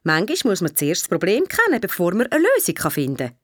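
A woman reading a storybook, voicing a gentle, patient mother with a Swiss accent, calm and soothing. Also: on the low side, brisk, no room sound, studio quality. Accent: Swiss German.

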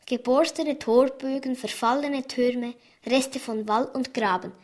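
Expressive woman reading a children's story. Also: high-pitched, unhurried. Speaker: reader.

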